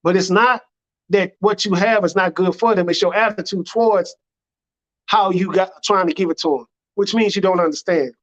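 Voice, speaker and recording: The speaker, an American man acting as imam, preaches at a moderate pace in a voice that sits high. His plainspoken, earnest sermon relies on repetition, and the audio sounds dull and lo-fi.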